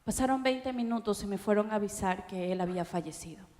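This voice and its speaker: A middle-aged woman pastor with an Ecuadorian accent, preaching an emotional testimony that swings from hushed to loud. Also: mid-range voice. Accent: Ecuadorian Spanish. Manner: emotional, slow, dramatic shifts from hushed to loud. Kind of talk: sermon testimony. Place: conference auditorium. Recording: long hall reverb.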